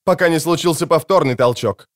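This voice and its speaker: A man's voice: on the high side, brisk, voice pushed up, lightly acted. A man voicing a stern female prison warden who gives clipped orders while barely hiding panic, in a home-made audiobook. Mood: tense, clipped.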